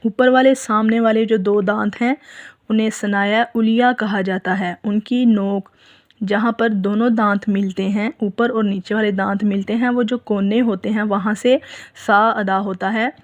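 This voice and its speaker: A woman's voice: mid-range voice, fairly even intonation, muffled recording. A woman with an Urdu accent teaching Quran letter pronunciation, stretching each sound and correcting firmly. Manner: drawn-out letter sounds, firm and instructive. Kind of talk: slow step-by-step recitation lesson.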